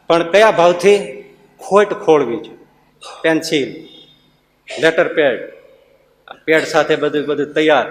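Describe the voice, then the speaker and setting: Swami, animated storytelling sermon, fairly high voice, long hall reverb. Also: male voice. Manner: animated, acts out villagers' voices, chuckles. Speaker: swami giving a discourse.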